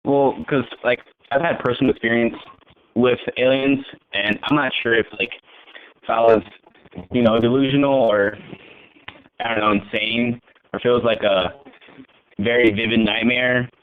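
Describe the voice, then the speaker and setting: A man calling in over the phone to a live show, asking questions in a halting, hesitant way. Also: mid-range voice, steady tone, smooth. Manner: halting, hesitant, many restarts. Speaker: caller. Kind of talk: casual call-in chat. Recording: tinny phone line with faint hiss.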